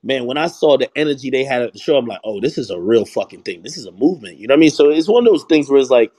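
A young man from Jamaica chats loosely in an online voice room. He rambles, restarts his sentences and keeps asking "you know what I mean." His pitch sits in the middle for a man. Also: animated, rapid-fire, mellow, slightly rough. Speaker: hip hop media personality. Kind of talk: casual audio chat room conversation.

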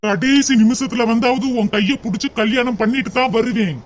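A devoted, soft-hearted young man from a cartoon short, gently reassuring in a voice pitched very high for a man. A faint noise sits under his lines. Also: moderate pace. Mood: earnest. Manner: tender, reassuring.

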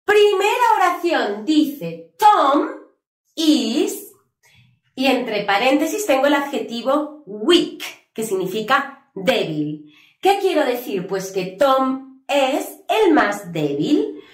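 Lively patient woman teaching in an echoey room. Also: sits high. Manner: patient, spells out letters and repeats examples slowly. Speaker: English teacher. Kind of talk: video lesson explaining grammar.

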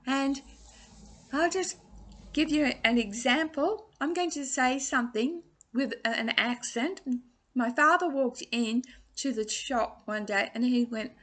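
A woman in her sixties with a high, fairly bright voice speaks a little slowly. Originally from England and raised in Australia, she has an Australian accent with a trace of English. She gives a home video singing lesson from a small room, carefully enunciating vowel words into a laptop webcam.

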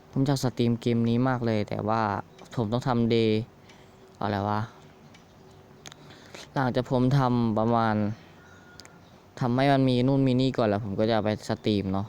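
A man's voice: medium pitch, fairly even intonation, moderate pace, long pauses, a little mellow, slight background noise. A man casually commenting on his survival game for viewers, chatty and joking, recording at home. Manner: chatty, addresses viewers, jokey exclamations. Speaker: gaming YouTuber. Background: roosters crowing nearby.

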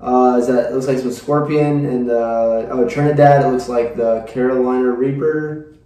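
Young guy hosting, chatty, normal pitch, super roomy sound. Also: steady tone, moderate pace, mellow. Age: young adult. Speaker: host of a spicy food challenge show. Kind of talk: casual on-camera presenting. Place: small indoor room, seated at table. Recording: echoey room, distant microphone.

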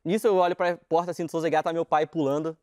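Young rio guy telling a story super fast, slangy, laughing as he goes. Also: a little high, no room sound, studio quality. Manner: animated slangy storytelling, laughing while talking. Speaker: guest storyteller. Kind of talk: casual anecdote on a talk show.

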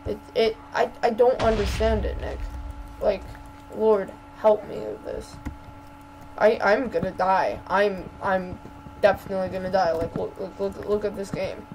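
A woman's voice: mid-range voice, fairly even intonation, a little slow, a little mellow, slight background noise, rough recording. A woman giving casual gameplay commentary as a channel host, stammering and repeating words while ranting in exasperation.

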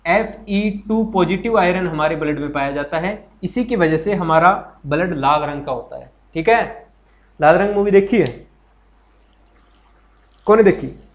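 High-pitched, chatty Hindi-speaking teacher. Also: male voice, a little slow. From Haryana, India. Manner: chatty and encouraging, repeats points and asks the class questions; greets viewers and reads their comments aloud. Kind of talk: live online exam-prep lesson.

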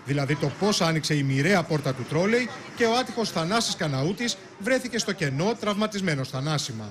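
A male news reporter with a fairly high voice narrates a report in a measured, formal delivery. Clear background noise runs under the read. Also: animated.

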